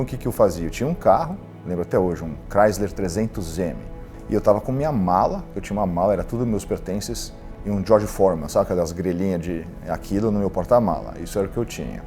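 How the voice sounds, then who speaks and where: Brazilian man telling his life story. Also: lowish voice. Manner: candid, animated, quotes others in dialogue. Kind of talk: personal storytelling in an interview.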